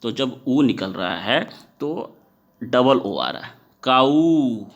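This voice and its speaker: A man's voice: medium pitch, animated, slow, creaky, highs cut off. A man who teaches students in a classroom-style lesson, often putting questions to the class and stretching words to stress their sounds.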